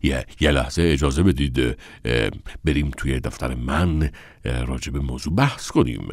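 A man's voice: extremely low pitch, no room sound. Man playing a flustered male manager in a dry booth, stammering and placating. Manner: hesitant, placating, full of "uh" fillers. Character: blustering adult male contest manager.

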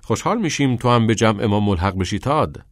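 A man's voice: lowish voice, lively intonation, dry recording, studio quality, natural voice. A man voicing an easygoing, friendly teenage schoolboy in a novel read aloud, talking in an eager, raised voice.

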